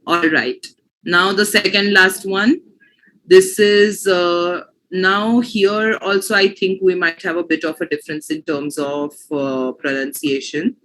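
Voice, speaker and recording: A woman's voice: lowish voice, steady tone, a little slow, fairly bright tone, rough recording. A woman with an Indian accent teaching pronunciation in an online class, explaining patiently and often checking that students follow.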